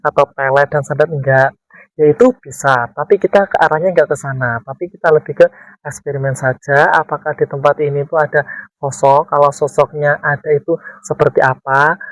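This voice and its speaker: A man's voice: fairly high pitch, fairly even intonation, brisk, no room sound, low-quality recording. A man hosting a casual vlog, explaining things and checking for agreement. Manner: explanatory, seeking agreement with tag questions. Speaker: paranormal vlog host. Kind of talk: casual vlog talk to viewers.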